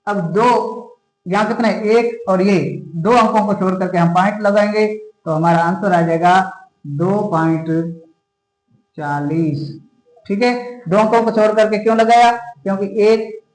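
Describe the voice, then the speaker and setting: High-voiced man teaching math, echoey room. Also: measured pace, darkish tone. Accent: Rajasthani Hindi. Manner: addresses students repeatedly, checks for doubts. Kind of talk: classroom math lesson.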